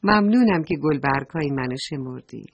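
A woman's voice: low voice, expressive, lo-fi sound, pitched below the performer's own voice. A woman reading a children's story, voicing a polite, grateful little red flower.

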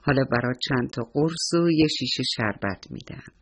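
A man voicing a kind, patient doctor who talks slowly and reassuringly. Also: mid-range voice, animated, breathy edge. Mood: kindly. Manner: slow, reassuring. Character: kind middle-aged male doctor, warm and patient.

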